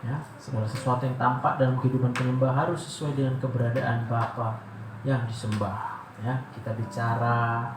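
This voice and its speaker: A man, a doctor, giving a devotional sermon in an animated way, asking rhetorical questions and acting out prayers. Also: medium pitch, moderate pace. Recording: echoey room with loud background noise.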